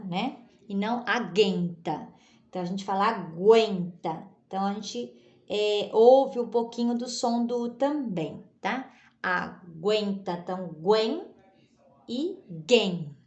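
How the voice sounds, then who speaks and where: Woman teacher, slow deliberate spelling lesson, sounds out each letter, room echo. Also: on the high side, a little mellow. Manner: patient, sounds out letters, checks in with "certo?" and "né?". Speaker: literacy teacher. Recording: echoey room.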